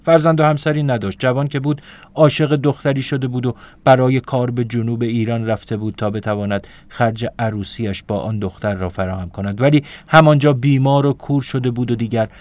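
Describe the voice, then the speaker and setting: A young adult man reading a literary story aloud in a calm, soft-spoken and reflective manner. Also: mid-range voice. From Iran. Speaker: narrator.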